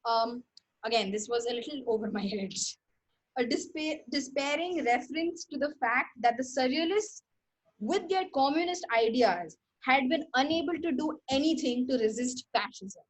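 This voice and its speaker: Young Indian-accented woman, high pitch, loose rambling livestream host who self-corrects. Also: lively intonation, normal speed. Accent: Indian English. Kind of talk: casual livestream talk on art history.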